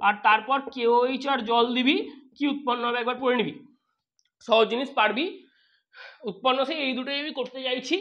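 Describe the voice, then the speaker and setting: Fast-talking man tutoring chemistry, lo-fi. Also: very high voice, a bit bright. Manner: brisk and repetitive, talks to students as close friends. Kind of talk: online exam-prep lesson.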